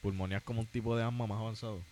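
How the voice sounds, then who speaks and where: Very deep-voiced fast-talking man. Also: steady tone, darkish tone. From Puerto Rico. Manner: reactive, short interjections and questions. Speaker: podcast guest. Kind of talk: casual podcast chat.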